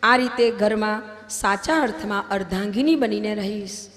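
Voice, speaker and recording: A woman's voice: mid-range voice, moderate pace. Emphatic woman officiant in a reverberant hall. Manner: emphatic, swelling louder on key points. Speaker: wedding officiant at a religious gathering. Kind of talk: ceremonial vow recitation and preaching. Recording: long hall reverb, faint music.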